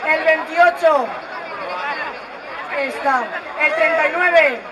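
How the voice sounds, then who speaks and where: High-pitched bingo caller amid crowd noise. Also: slow, lo-fi sound. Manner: bingo caller delivery, announcing with playful patter. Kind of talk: live bingo calling, numbers repeated digit by digit. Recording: noisy crowded public event. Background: loud crowd and ambient noise.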